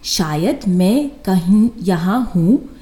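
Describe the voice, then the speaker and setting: A woman's voice: mid-range voice, lively intonation, drawn-out words, mellow. A woman voicing a hungry, fierce male lion in a storybook tale, roaring out his calls and muttering his plans to himself. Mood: scheming. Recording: echoey room.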